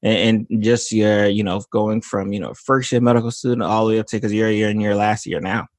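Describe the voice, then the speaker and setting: A man's voice: fairly low pitch, fairly even intonation, a little fast, dry recording, studio quality. A man hosting a podcast interview, talking casually and rambling with many restarts and fillers. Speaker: podcast host, physician.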